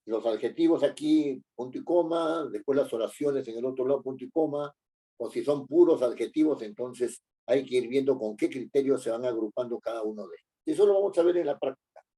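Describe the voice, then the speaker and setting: A man teaching a lesson, pausing often with fillers and tag questions. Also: medium pitch, warm tone, slightly rough. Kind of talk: lecture.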